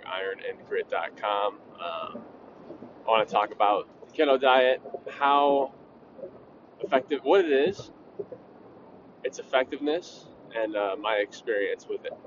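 A man's voice: fairly low pitch, dull audio, noisy background. A young man hosting his own podcast, talking casually and bluntly, with the odd swear word. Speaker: podcast host. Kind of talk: casual solo podcast talk.

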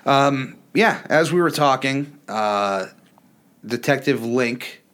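A man's voice: medium pitch, lively intonation, takes it slowly, a bit bright, a little hiss or hum. Joking man hosting a podcast. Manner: loose, joking, many fillers and restarts. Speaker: podcast host. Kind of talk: casual chat.

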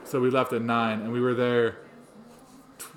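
A man's voice: mid-range voice, level tone, normal speed. A man co-hosting a casual podcast, rambling through his thoughts with many ums and restarts. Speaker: podcast co-host. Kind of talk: casual chat.

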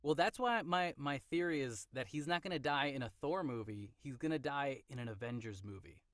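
A man hosting a podcast, chatting casually about a movie, animated and quick to laugh. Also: medium pitch, no room sound, studio quality. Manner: animated, theorizing, laughs often. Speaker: podcast host. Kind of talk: casual movie review chat.

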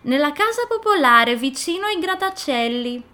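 A woman voicing an anxious, rule-minded little girl in a storybook reading, speaking in a raised, excited girlish voice. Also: high voice, normal speed, voice pushed up, full character voice. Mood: eager.

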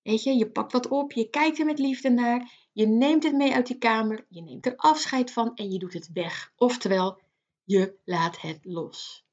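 A woman's voice: fairly high pitch, measured pace, a little mellow, highs cut off. A woman coaching the listener in a motivational self-help talk, earnest and direct, speaking straight to them. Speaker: life coach.

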